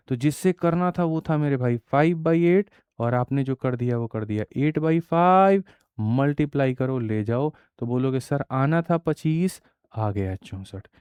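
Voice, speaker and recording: Warm-voiced male maths teacher. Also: mid-range voice, clear, resonant tone, no echo. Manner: asks rhetorical questions and answers them himself; keeps calling students "my brother". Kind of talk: exam-prep maths lesson.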